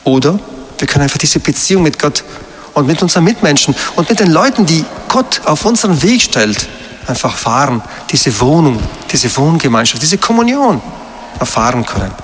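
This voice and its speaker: A man's voice: fairly high pitch, sing-song, normal speed, a bit bright, big-room sound. A man giving a sermon as a priest, emphatic and asking his listeners questions. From Meran, South Tyrol.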